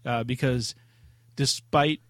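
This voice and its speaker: A man's voice: mid-range voice, fairly even intonation, takes it slowly, fairly bright tone, no room sound. Casual man co-hosting, dry close sound. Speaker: podcast co-host. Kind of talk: casual chat.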